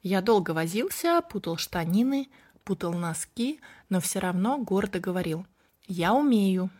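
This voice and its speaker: A woman reading a children's story aloud in a gentle, even way, telling it as a small boy. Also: mid-range voice, moderate pace. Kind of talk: storybook narration in first person as a small boy.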